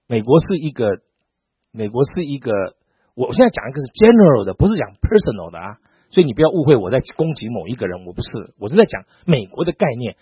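A middle-aged Taiwanese pastor preaches a sermon, animatedly telling stories and acting out the dialogue. His male voice is mid-range, quick and husky, with no echo. The recording has a dull, lo-fi sound.

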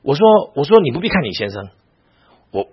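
A man's voice: mid-range voice, very animated, brisk, husky, lo-fi sound. A man, a pastor, lecturing a Bible class, telling stories and often asking his listeners rhetorical questions.

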